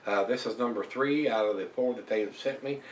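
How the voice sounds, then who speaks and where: An older man talks casually on camera as a beer reviewer, chatty and relaxed, with lots of fillers, filmed at home in a small room. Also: medium pitch, a little fast, slight background noise. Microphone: camera across the room. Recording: roomy and distant from the mic.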